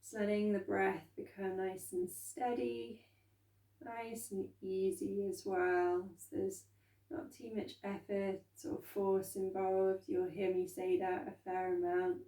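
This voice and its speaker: A woman instructor leading a calm grounding meditation, speaking gently and unhurriedly with soft pauses. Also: medium pitch. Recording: roomy echo, distant from microphone.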